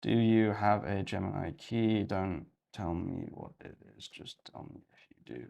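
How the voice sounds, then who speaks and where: Low-pitched, creaky and darkish in tone, this young man's voice moves unhurriedly. He's from Yorkshire, England, hosting a coding livestream and rambling casually as he thinks aloud and clicks around.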